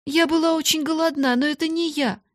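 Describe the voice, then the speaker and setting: A woman's voice: fairly even intonation, a little fast, dry recording, clean studio sound, natural voice. A woman voicing a poor, hungry young servant girl who pleads through tears in a storybook reading. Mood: tearful pleading. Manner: tearful, pleading, high.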